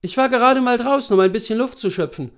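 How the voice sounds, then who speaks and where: A man reading the part of a wealthy American wife, soft, sleepy and taunting. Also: fairly high pitch, fast talker, pitched above the performer's own voice, close to an everyday voice. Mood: languid, taunting.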